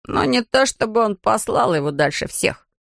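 A lively young schoolboy, voiced by a woman reader, chatters in a raised, bright voice. He sounds excited, with a dry, close tone. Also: on the high side, normal speed, creaky, dry recording, voice pushed up, full character voice.

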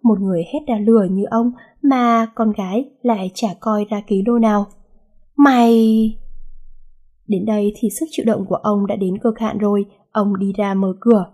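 A woman narrating a romance novel in a lively, amused storytelling manner. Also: mid-range voice, fairly quick, hardly any pauses. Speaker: audiobook narrator.

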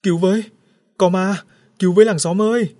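Casual: guy doing a screaming scared village wife, pitched way up and loud. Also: steady tone, a little fast, no echo, studio quality, close to an everyday voice. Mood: terrified. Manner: crying out high and loud. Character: panicked young village wife, frantic and grieving.

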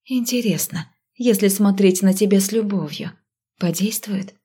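A defiant, teasing young heroine, as the reader voices her, bright and quick with retorts. Her lines rise livelier than the narration around them in this audiobook. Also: mid-range voice, husky, natural voice. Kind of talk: audiobook reading.

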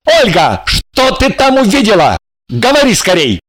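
A male reader voicing a quick-tempered young stepson who snaps his questions. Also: high voice, expressive, heavy background noise. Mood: exasperated. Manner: exasperated, shouting questions. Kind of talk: audiobook character voicing.

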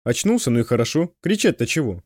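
Narrator doing tough stalker guy, blunt and dry, lively tone. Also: mid-range voice, fast, dry recording. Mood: wry. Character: man stalker, tough and wry.

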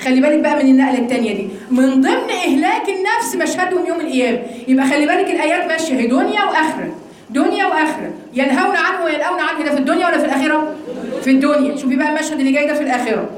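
Lively Egyptian woman teaching in an echoey room. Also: high voice, very fast. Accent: Egyptian Arabic. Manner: lively and questioning, often asks the listeners. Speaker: Quran teacher. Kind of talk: religious lesson to women. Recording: very echoey room with faint noise.

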